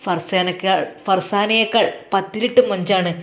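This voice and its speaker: A woman narrating a story at a steady, plain pace. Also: mid-range voice, normal speed.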